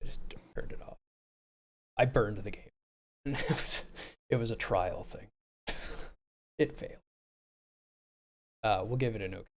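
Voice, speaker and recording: A man's voice: on the low side, a little slow, long pauses. A man on a live game review panel, talking casually, laughing often and repeating words as he starts sentences.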